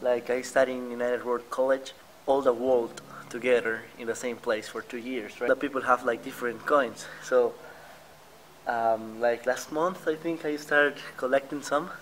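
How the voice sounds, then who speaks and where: A man's voice: mid-range voice, steady tone, moderate pace, a bit bright, a little hiss or hum. A man in his late teens, a student vlogger, chatting casually outdoors beside a building and rambling with lots of fillers and small laughs. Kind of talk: casual vlog chat.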